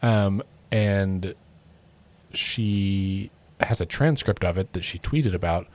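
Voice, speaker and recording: Male podcast co-host from Oklahoma, low-pitched, easygoing talk with many fillers. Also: slow pace, a little mellow. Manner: conversational, many fillers and restarts. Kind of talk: casual political chat.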